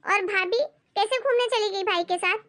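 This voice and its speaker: A woman voicing a jealous grown daughter in an animated family skit, talking in a sharp, complaining way. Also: extremely high pitch, normal speed.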